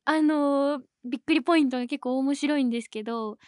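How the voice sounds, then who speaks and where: A woman's voice: high voice, fairly quick, no room sound, studio quality. A young woman hosting a podcast in casual chat, telling stories in a chatty way and laughing often. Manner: lively and chatty. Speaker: podcast host.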